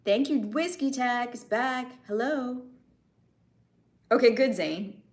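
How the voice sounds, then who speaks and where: On a casual live stream, this young woman from the United States chats away, responds to viewers' comments, and laughs easily. She speaks slowly in a voice on the high side.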